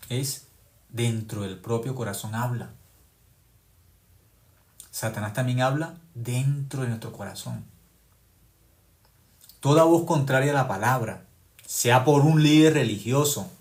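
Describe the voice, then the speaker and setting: A man preaching a sermon with forceful rising stresses that drop to hushed low tones and drawn-out key words. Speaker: pastor.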